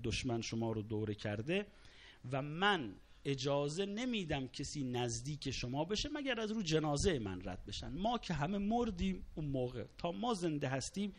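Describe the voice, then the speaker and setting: A man delivers a sermon as a dramatic story. His pitch swings widely, climbing into raised cries and dropping low again. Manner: dramatic storytelling, rising to cries and quoted Arabic. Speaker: preacher. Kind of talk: sermon narrating a martyrdom account.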